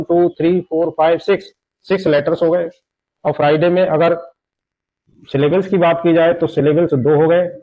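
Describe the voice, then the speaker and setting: Slow-explaining male teacher, dull recording. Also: on the high side, warm tone. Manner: slow, explanatory, repeats examples. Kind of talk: Hindi grammar lesson lecture. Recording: dull lo-fi sound.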